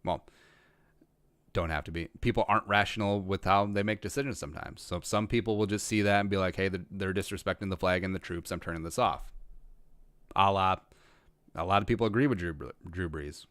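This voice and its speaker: A deep-voiced man from rural Minnesota hosts a casual livestream, reading and pondering viewer questions at a fairly quick pace. His intonation is fairly even and his tone fairly bright, in a dry recording. He rambles, restarts frequently and has dry, self-aware humor.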